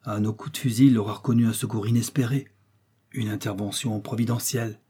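A steady, commanding explorer doctor , read by a man with a dark, slightly husky voice. He lays out plans in a calm, reasoned way. This is an audiobook read aloud. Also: lowish voice, brisk. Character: resolute learned explorer doctor, middle-aged man.

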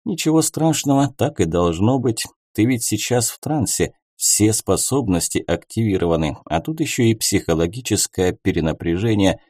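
A calm young mentor from an audiobook, speaking in a dark, mellow tone with a wry edge, as the male narrator gives him voice. His delivery stays composed and reassuring, with expressive rises and falls. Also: fairly low pitch, moderate pace, hardly any pauses, no echo, studio quality.

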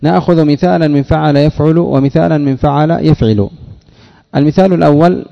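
A man teaching a classroom lesson, putting questions to his students and drilling word patterns slowly. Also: fairly high pitch, creaky. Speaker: teacher of Arabic morphology. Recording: dull audio with long hall reverb.

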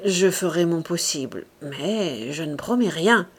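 A woman reading the lines of an authoritative male minister in an audiobook, in a measured, firm way. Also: fairly low pitch, animated, slightly rough. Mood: guarded firm.

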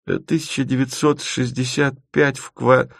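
A man's voice: medium pitch, level tone, moderate pace, vocal fry, a bit bright, no echo, clean studio sound, pitched above the performer's own voice. A man voicing a gloomy, self-pitying young male student who speaks bitterly and with sighs. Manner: sighing, bitter, philosophical.

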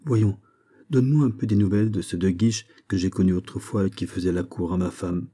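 A man's voice: deep voice, fairly quick, dark tone, breathy edge. A man voicing a vain, jovial young prince who teases his courtier in a lordly way, in an audiobook of a classic novel. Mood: teasing jovial. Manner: teasing, laughing, lordly.

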